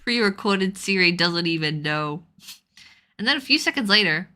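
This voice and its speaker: An excitable, theatrical woman doing let's play commentary and reading game dialogue aloud. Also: on the low side, moderate pace. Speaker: game streamer. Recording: game music behind. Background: video game music.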